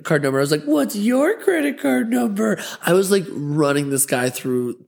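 A young adult man telling candid, crude stories in a casual vlog monologue, animated and full of fillers. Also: medium pitch. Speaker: host of a talk vlog.

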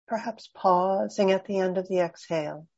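Soft-spoken woman guiding a breathing meditation. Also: medium pitch, vocal fry, highs cut off. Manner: slow, soft, soothing and unhurried. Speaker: meditation guide.

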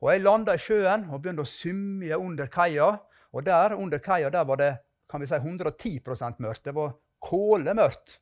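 A man's voice: fairly high pitch, lively intonation, hardly any pauses. A man giving a spoken testimony and a fervent prayer as a preacher on a podcast.

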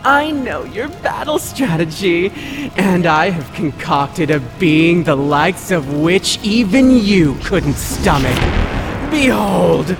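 A boastful cartoon villainess who savors her words at a slow pace. Her delivery is theatrical and melodramatic, swinging widely in pitch, with music clearly audible behind her. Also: lively intonation. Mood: gloating. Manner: grandiose, melodramatic. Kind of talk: animated comedy voice acting.

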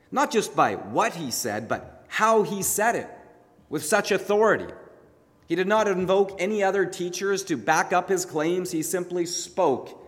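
A male pastor preaches a narrative sermon, building drama with deliberate pauses. His voice sits a little high. A long reverb trails each phrase through the large church room. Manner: dramatic retelling with emphatic pauses. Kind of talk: sermon storytelling.

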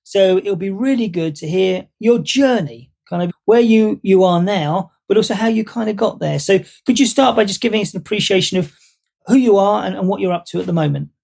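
A man's voice: sits high, a little fast, vocal fry, a little mellow, breathy edge. A man hosting a podcast interview, talking in a meandering way with frequent restarts. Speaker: podcast host.

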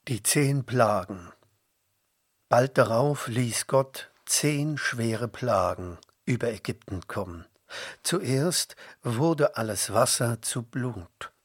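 A man reading a bible storybook aloud in a measured, expressive way. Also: medium pitch, husky, no echo, studio quality. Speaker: audiobook reader. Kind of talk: storybook narration.

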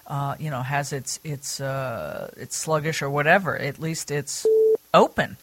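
A woman hosts a radio talk show in a chatty, upbeat way, with a slightly low voice. Her speech swings up and down in pitch. The studio sound is dry and close. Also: a little slow, dry recording. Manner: chatty, laughs easily, lively pitch swings. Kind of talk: casual radio interview chat.

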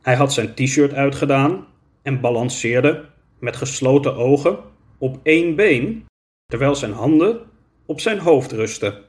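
A man narrating a children's story in a measured, clear storytelling manner. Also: medium pitch.

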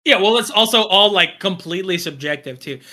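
A man's voice: sits high, expressive, fairly quick, bright, forceful tone. A young man co-hosting a beer podcast, laid-back and agreeable in casual chat. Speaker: podcast co-host.

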